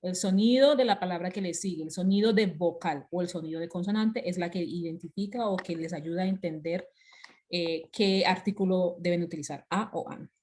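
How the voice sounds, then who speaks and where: A woman's voice: fairly low pitch, brisk, darkish tone. Woman teacher, online class, patient, repeats and restarts phrases. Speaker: English instructor. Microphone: video call.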